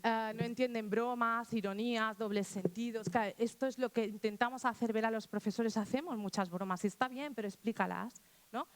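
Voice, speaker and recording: A woman's voice: on the high side, brisk. Woman, Spanish accent, informal talk, conversational, quotes children in little voices. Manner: conversational, acts out child quotes, many restarts.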